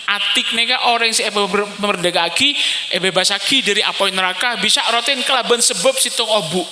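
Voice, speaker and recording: A man preaching a lively, story-driven sermon to a live congregation. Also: high voice, a little hiss or hum. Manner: storytelling, animated, mixing in regional words. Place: large hall with a live congregation. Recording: echoey hall, faint ambience.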